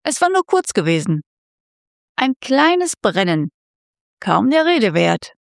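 A woman reads a story aloud slowly and deliberately, her pitch rising and falling with lively expression. Her voice sits a little high and the sound is close and dry. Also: gravelly, no room sound. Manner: measured, expressive reading. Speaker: narrator. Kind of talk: scripted narration.

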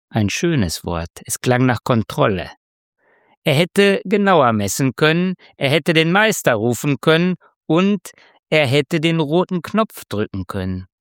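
Slow, expressive male narrator. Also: mid-range voice, no echo, clean studio sound. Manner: measured, expressive reading. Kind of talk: scripted narration.

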